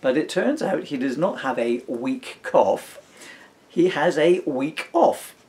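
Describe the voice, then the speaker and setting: On the high side and sing-song, his voice slow and a little mellow, a middle-aged British man reads out his comic writing and chats in a rambling, playful way. He is a father, author and stage performer, recorded with a camera mic.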